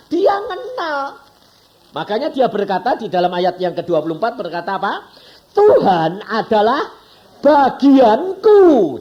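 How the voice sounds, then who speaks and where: A man's voice: high voice, muffled recording. A man with a Javanese accent preaching a sermon in a chatty style, firing questions at the congregation. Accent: Javanese-accented Indonesian. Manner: lively, conversational preaching with frequent questions to the congregation. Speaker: evangelist preacher.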